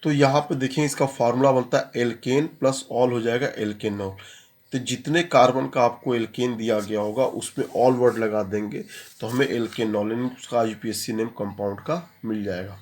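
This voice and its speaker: A man's voice: mid-range voice, fairly even intonation, moderate pace, darkish tone. A man talks through a chemistry lesson in a mid-range voice. He moves step by step, repeats each key term, and poses questions that he answers himself. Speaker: chemistry teacher. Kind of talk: classroom lecture.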